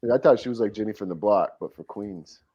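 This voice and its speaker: A man's voice: lowish voice, quick pace, warm tone, breathy edge. Laid-back teasing man, lo-fi sound. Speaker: podcast co-host. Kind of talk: casual chat.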